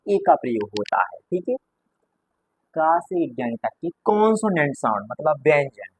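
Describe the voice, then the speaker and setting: A man's voice: on the high side, very animated, unhurried, slightly rough, no room sound, low-quality recording. A man teaching a grammar class to students, patiently going over each point again and again. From India.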